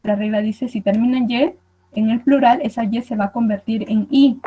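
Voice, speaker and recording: A woman's voice: fairly high pitch, steady tone, moderate pace, dark tone, a little hiss or hum, low-quality recording. A woman teacher gives a recorded online lesson, explaining patiently and checking in with her students as she goes. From Peru.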